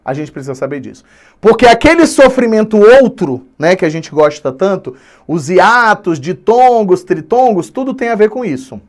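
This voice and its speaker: Animated Brazilian male teacher. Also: sits high. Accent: Brazilian Portuguese. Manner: animated, stretches key words slowly for emphasis. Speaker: Portuguese teacher. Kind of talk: online grammar lesson.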